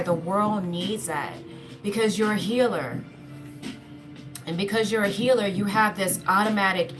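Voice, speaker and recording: A woman's voice: medium pitch, fairly bright tone. Earnest woman giving a spiritual talk over music. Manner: earnest, repetitive, often addresses listeners as y'all. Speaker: spiritual speaker. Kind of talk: spiritual pep talk to viewers.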